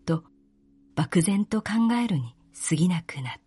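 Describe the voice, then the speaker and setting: A woman narrating a literary story in a calm, measured reading. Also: fairly low pitch, music in the background.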